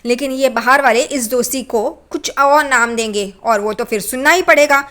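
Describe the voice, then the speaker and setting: A woman's voice: high-pitched, normal speed, fairly bright tone. A woman reading the lines of a stern, disapproving middle-aged mother in an accusing tone.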